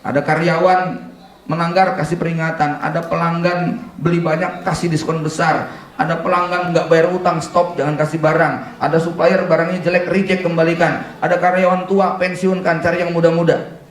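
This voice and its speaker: A man's voice: a little high, little pitch movement, moderate pace. A middle-aged man giving a seminar talk as an Islamic preacher, asking rhetorical questions, adding humorous asides and reciting Arabic verses. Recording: echoey hall, mic from far off.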